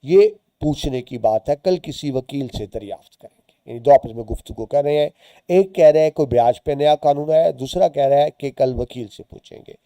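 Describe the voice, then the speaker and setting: Dark-voiced teacher explaining a story. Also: male voice, medium pitch, dry recording. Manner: explains words and lines as he reads. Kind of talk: reading and explaining a short story to students.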